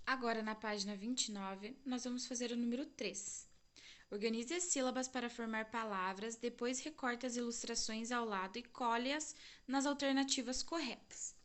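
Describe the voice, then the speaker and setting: A woman teaching a recorded lesson to young children with a Brazilian Portuguese accent, stretching out syllables and asking the class questions. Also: a little high. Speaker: primary school teacher.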